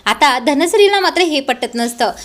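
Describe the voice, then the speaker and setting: A woman's voice: high-pitched, lively intonation, normal speed. A woman retelling a television serial episode scene by scene, reading the characters' lines in her own narrating voice.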